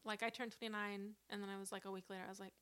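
A woman's voice: medium pitch, racing, clear, resonant tone. A woman from Northern California, a podcast guest, chatting casually and acting out the dialogue in her stories. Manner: animated storyteller who acts out quoted dialogue. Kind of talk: casual chat.

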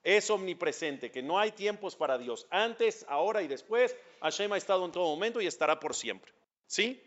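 A man's voice: high voice, lively intonation, moderate pace, a bit bright, muffled recording. A man with a Mexican accent, a rabbi teaching a religious class, who speaks emphatically and puts questions straight to his listeners. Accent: Mexican Spanish.

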